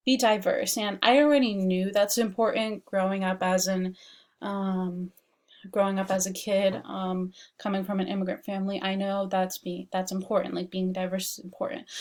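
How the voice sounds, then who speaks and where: A young adult woman from Washington DC, United States, records a casual class presentation of her assignment through her laptop webcam mic at home. She is loose and chatty, speaking at middling pitch and leaning heavily on "like" and "um".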